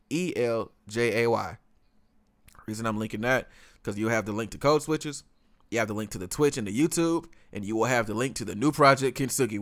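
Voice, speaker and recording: A man hosts a casual podcast. His voice sits at a medium pitch. He talks informally, with slang and an animated delivery. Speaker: podcast host.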